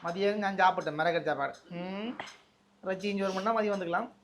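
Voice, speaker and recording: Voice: mid-range voice, fairly quick, a little hiss or hum. A presenter with a Sri Lankan Tamil accent, delivering a surprise gift and chatting in a playful, teasing way. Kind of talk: casual on-camera banter.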